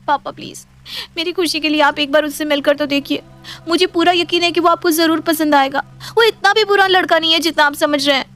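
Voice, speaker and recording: Rich: A lovestruck young daughter from a cartoon storybook, devoted and headstrong, pleading with her father, played by a woman. Her voice is extremely high, and soft music hums faintly behind her. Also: steady tone, brisk. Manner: pleading, emotional. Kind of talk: animated storybook voice acting.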